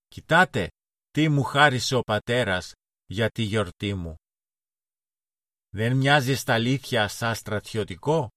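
A man's voice: medium pitch, expressive, pauses often, no room sound, clean studio sound. A man voicing a small boy who plays army captain, proud and bossy, barking commands in a storybook reading. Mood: excited. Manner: shouted commands.

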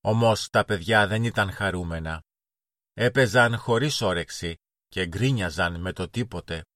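A man reads a children's story aloud in a calm, measured way. His voice is fairly low and the recording is dry, with no room sound. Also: dry recording. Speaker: narrator. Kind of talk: storybook narration.

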